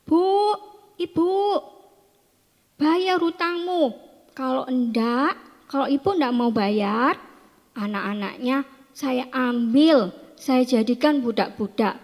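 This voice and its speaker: A woman voicing a harsh debt collector who shouts threats in a loud, bossy way, in a reverberant hall. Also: sits high, takes it slowly, pauses often. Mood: threatening.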